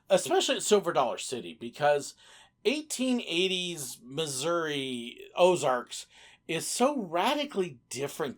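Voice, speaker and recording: Woman telling casual, animated anecdotes. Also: lowish voice. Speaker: former theme park entertainer.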